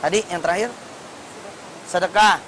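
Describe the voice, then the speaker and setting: An Islamic preacher delivers a lively, colloquial sermon at a moderate pace, repeatedly asking the congregation questions. His voice is high for a man, and the low-quality recording has a faint hiss beneath it.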